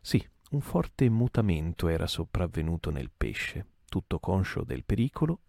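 A man reading a classic novel aloud as a calm, sleep-inducing narration, with occasional small restarts. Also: low-pitched, creaky, dry recording, studio quality. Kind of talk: soporific audiobook reading.

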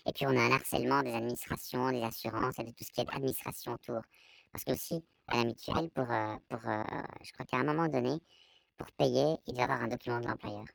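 Belgian woman, voice shifted way down deep to hide who she is, super gravelly, halting, dry sound. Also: dry recording, poor audio. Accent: Belgian French. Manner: halting, with many restarts. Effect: voice pitched down deep to disguise it. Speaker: interviewee. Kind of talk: anonymous testimony.

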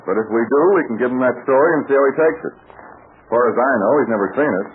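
An actor playing a steady, wry adult adventurer in an old radio serial, speaking matter-of-factly on a vintage recording. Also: male voice, mid-range voice, fast, lightly acted. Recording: tinny narrow-band old radio recording, noisy.

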